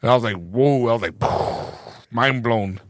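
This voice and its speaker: A man's voice: mid-range voice, measured pace, fairly bright tone, dry recording, studio quality. A man co-hosting a podcast in casual chat, laid-back, dropping "dude" and "man" often. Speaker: podcast co-host.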